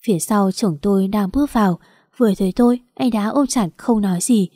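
A woman tells a first-person story in an earnest, emotional read. Her voice is warm and mellow, and the recording is close and dry with no room sound. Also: medium pitch, a little fast, dry recording. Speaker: narrator.

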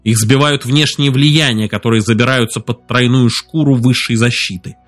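A man narrating an audiobook in a measured, steady reading voice. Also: medium pitch, soft background music. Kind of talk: scripted narration.

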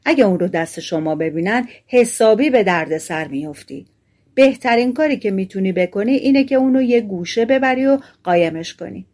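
A woman's voice: medium pitch, expressive, a little mellow, natural voice. A woman reading the lines of a sly teenage boy who talks someone into a trade, in a storybook tale. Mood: scheming. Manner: scheming, persuasive.

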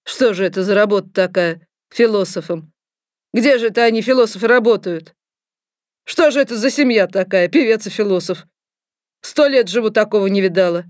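A woman voicing a loud, rude middle-aged woman gynecologist who shouts and scolds. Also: medium pitch, brisk, few pauses, no room sound, clean studio sound, natural voice. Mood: mocking.

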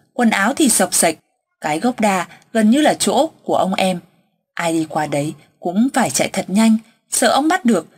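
A woman reading a ghost story aloud, steady and measured. Her voice is husky and breathy at a middling pitch.

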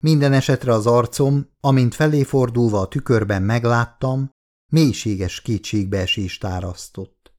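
A man narrating a literary novel in the first person, in a measured, subdued, introspective way. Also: mid-range voice, darkish tone. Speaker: audiobook narrator.

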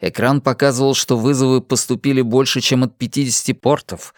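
A narrator reading an audiobook in an even, measured way. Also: medium pitch, dry recording, clean studio sound.

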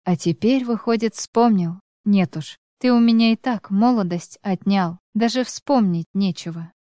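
A woman voicing a bitter, sharp-tongued ex-wife of about forty who snaps with scorn, in a smooth voice. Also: medium pitch, unhurried, dry recording, clean studio sound, natural voice. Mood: scornful, bitter. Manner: scornful, snapping.

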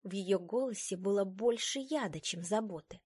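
A woman reading a first-person story aloud in a dramatic, expressive way. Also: medium pitch, normal speed, breathy edge, no echo, studio quality. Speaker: audiobook narrator.

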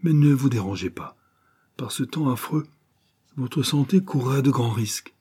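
Male reader as a steady old notary, raspy edge, sensible tone. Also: medium pitch, measured pace, pitched above the performer's own voice. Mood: reassuring. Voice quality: slightly raspy. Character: calm older retired notary, slightly raspy.

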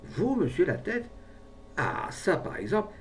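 A man's voice: mid-range voice, very animated, moderate pace, a little mellow, far from the mic, slight background noise. Man playing a scheming, wheedling pharmacist. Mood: eager. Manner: persuasive, wheedling, falsely jovial. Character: scheming smooth-talking male pharmacist.

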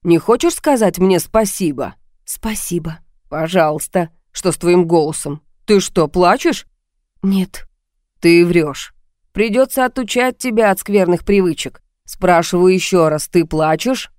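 A woman's voice: on the low side, lively intonation, unhurried, a little mellow, dry recording, studio quality. A woman reading as a sneering male blackmailer. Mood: mocking. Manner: sneering, condescending, calls her baby. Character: mocking, menacing male blackmailer on the phone. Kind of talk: audiobook reading.

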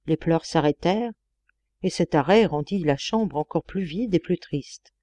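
A woman narrating a literary audiobook in a measured, expressive way. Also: deep voice, dry recording. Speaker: audiobook reader.

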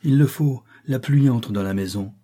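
A man's voice: mid-range voice, moderate pace, dark tone, close to an everyday voice. A man voicing an old female servant who is honest but unbending, speaking sternly in a storybook reading. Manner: stern, scolding.

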